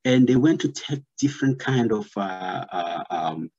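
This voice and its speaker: Tanzanian man in his thirties, husky voice, earnest and filler-heavy, muffled webcam sound. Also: on the low side, animated, a little slow, dark tone. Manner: earnest, many fillers, gestures while talking. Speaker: commentator. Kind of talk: casual video-call commentary. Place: plain room, indoors. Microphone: laptop webcam video call.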